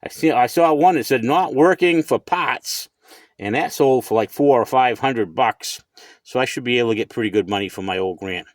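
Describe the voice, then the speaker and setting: Sitting in his pickup truck, a US man of middle age or older rambles casually through a vlog demo of his CB radio, frequently saying the same things again. He speaks at normal speed in a mid-range voice. The sound is clean, studio-like and echo-free.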